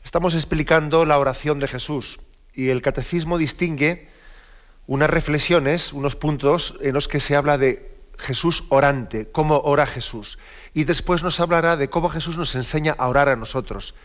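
A man giving a catechism commentary on the radio, explaining a text he reads out in parts and pausing to reflect. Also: on the high side. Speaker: bishop giving catechism talk. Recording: slightly dull radio broadcast.

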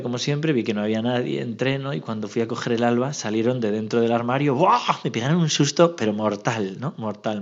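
Chatty Spanish priest telling stories. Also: male voice, mid-range voice, lo-fi sound. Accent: Spain Spanish. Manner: lively storyteller, adds "¿no?" after nearly every phrase. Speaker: parish priest. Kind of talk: homily with anecdotes.

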